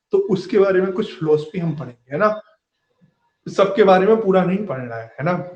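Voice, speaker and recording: A man in his thirties teaching an exam-prep lesson, explaining step by step and often checking in with "है ना". He sometimes slows down to dictate notes. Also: a little high, darkish tone. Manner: explanatory, frequent "है ना" tag questions. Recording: echoey room, dull lo-fi audio.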